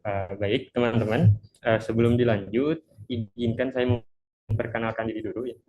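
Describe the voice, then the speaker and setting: A man's voice: mid-range voice, steady tone, moderate pace, warm tone. A man of twenty presents an introductory online lesson through a face mask, politely and hesitantly, sounding a little unwell. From Cianjur, West Java, Indonesia. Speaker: webinar presenter. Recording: dull, muffled lo-fi webinar audio.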